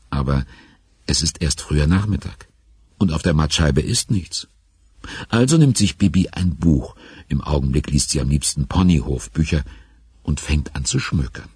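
A man narrating a children's radio play in a calm, storybook way. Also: very deep voice, slightly rough, dry recording, studio quality.

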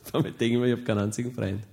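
A man with an Austrian German accent performing a stand-up monologue, telling a rambling story in a deadpan way with hesitations. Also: medium pitch. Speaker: comedian.

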